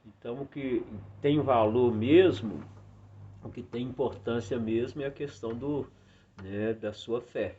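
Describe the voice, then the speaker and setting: A middle-aged man speaks earnestly in a casual chat, with many small fillers. His voice sits in a middle pitch. The sound is dull and lo-fi, with a faint hiss behind it. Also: unhurried, dark tone. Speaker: guest.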